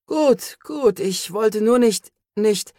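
A narrator voicing a confused young man who speaks in halting, strained bursts, in an audiobook reading. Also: mid-range voice, expressive, a little mellow, dry recording, studio quality, pitched above the performer's own voice. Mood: dazed.

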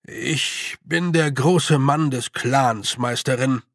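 A man voicing a tiny, tough clan chief of little fairy men who speaks slowly, nervously and deferentially. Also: medium pitch, creaky, no room sound, clean studio sound.

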